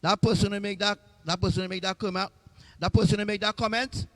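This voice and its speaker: A man with a notably high voice chats on his livestream. He jokes around, repeating lines for laughs in an easy, casual way. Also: steady tone, fast. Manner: joking, repetitive, playful. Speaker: livestream host.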